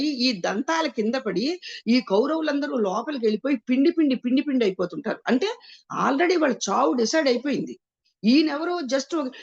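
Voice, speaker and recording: A woman explaining scripture, asking and answering her own rhetorical questions and mixing English words into her speech. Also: high voice. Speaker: spiritual teacher. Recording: muffled lo-fi sound.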